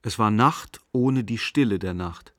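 A man narrating a radio drama in a slow, measured, melancholic manner. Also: on the low side, fairly bright tone, no room sound, clean studio sound. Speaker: narrator and main character.

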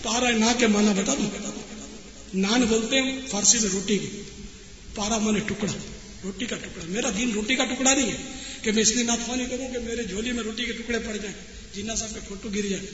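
A man's voice: high voice, fairly bright tone, slight background noise. A man preaching a sermon, scolding his listeners with pointed rhetorical questions. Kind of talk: sermon to an audience. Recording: echoey hall, slightly dull sound.

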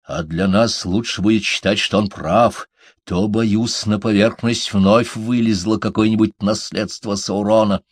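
A man voicing a calm, deliberate male dwarf who weighs his words. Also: lowish voice, no room sound, clean studio sound. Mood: pondering.

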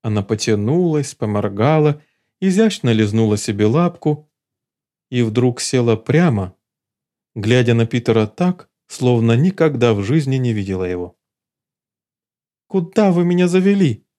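A man narrates a storybook in a steady, measured voice. His tone is mellow and warm, and his pitch sits in the middle range for a man. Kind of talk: scripted audiobook narration.

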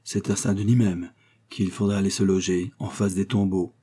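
A man's voice: deep voice, flat delivery, moderate pace, warm tone, slightly rough. A man voicing a lovesick young royal page. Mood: ardent. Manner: earnest, fervent courtly speech. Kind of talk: audiobook character voice.

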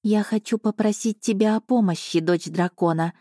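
A woman reading an audiobook voices an ancient female island spirit who speaks slowly and solemnly, imploring for help. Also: mid-range voice, warm tone, no room sound, studio quality, close to an everyday voice. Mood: solemn pleading. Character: ancient female island spirit, pleading, gentle yet sorrowful.

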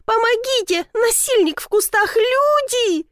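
A woman's voice: big pitch swings, takes it slowly, no echo, clean studio sound, full character voice. A woman voicing an angry, indignant young woman who shrieks and accuses. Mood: panicked, outraged. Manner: shrill, accusing, loud. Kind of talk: audiobook character voice.

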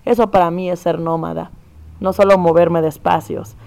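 Thoughtful young Mexican woman, smooth voice. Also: fairly low pitch, little pitch movement, moderate pace, warm tone. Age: young adult. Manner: thoughtful, earnest, explains at length. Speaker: performance artist guest. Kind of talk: conversational interview.

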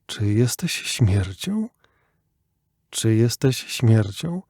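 A man's voice: fairly low pitch, sing-song, extremely slow, vocal fry, darkish tone, no echo, studio quality, exaggerated voice. A man reading a little girl's voice from the void. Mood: eerie.

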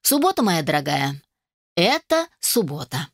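A woman voicing a bossy, energetic mother who takes charge of planning an engagement. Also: sits low, no echo, clean studio sound, heavily acted. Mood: commanding. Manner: brisk and commanding.

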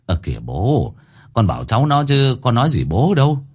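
A man's voice: mid-range voice, wildly swooping pitch, normal speed, a little mellow, breathy edge, exaggerated voice. A man voicing an anxious middle-aged father who stammers and pleads, in an audio story. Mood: grumbling.

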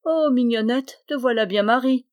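A woman's voice: a little high, moderate pace, dry recording, dull audio, natural voice. A woman reading the part of a mischievous, boastful male dwarf who mocks and teases in a playful way, in a storybook. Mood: gloating. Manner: mocking and playful.

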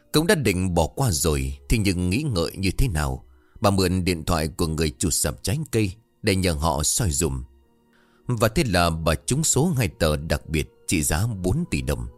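A man narrating a scripted spoken story in a steady, measured way. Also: low voice, dry recording.

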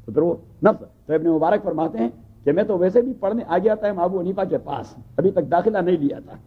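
A man teaching a scripture class in a storytelling manner, repeating phrases for emphasis and reciting Arabic lines slowly. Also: sits high, slightly rough. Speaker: Quran teacher. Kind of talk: Urdu Quran commentary class. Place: mosque or community hall class. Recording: tinny phone-like recording.

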